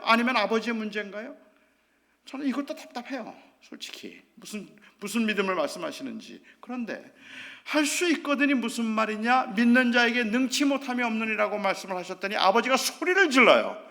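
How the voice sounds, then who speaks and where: Man, pastor, middle-aged, sermon, very high voice, bright edge, rhetorical questions, hushed then loud. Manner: swings from soft, hushed asides to loud emphatic quoting; asks the congregation rhetorical questions. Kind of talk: revival sermon.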